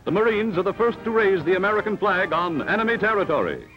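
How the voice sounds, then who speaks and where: A fast-talking, very animated man with a high-sitting voice narrates an old 1940s newsreel in an emphatic, dramatic announcer manner. Behind him is loud music on a dull lo-fi film soundtrack.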